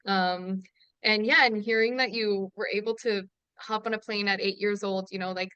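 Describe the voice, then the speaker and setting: A woman from Ontario hosts a casual webinar interview, encouraging her guest and asking her questions with plenty of fillers. Her voice is smooth and resonant. The sound is dry and close, with no room in it. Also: medium pitch, fairly even intonation, normal speed, no room sound, highs cut off. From Ontario, Canada. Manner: warm, affirming interviewer, lots of fillers. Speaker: webinar host.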